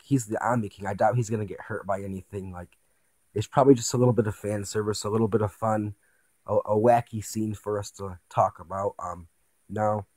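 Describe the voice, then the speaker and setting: Low-voiced man breaking down episode previews. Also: dark tone, no echo. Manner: thinks aloud in rhetorical questions, repeating himself for emphasis. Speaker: host of an anime commentary channel. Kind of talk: casual episode preview breakdown, speculative commentary.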